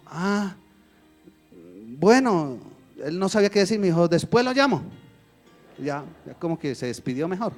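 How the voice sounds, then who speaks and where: A male pastor preaching a sermon, telling stories and acting out quotes in a church. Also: sits high. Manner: animated storytelling with acted quotes.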